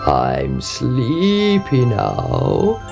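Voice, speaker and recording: A woman reading a storybook, voicing a croaking, demanding enchanted male frog. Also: rumbling low, wildly swooping pitch, very slow, over music, voice pushed down, full character voice.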